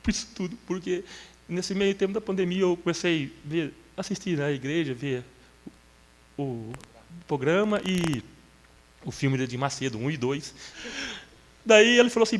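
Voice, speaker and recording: A man's voice: high-pitched, normal speed, long reverb tail. A middle-aged man giving an earnest, emotional testimony in an interview, telling his story at length. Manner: earnest, storytelling, breaks into tears and shouts when moved. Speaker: church member giving testimony.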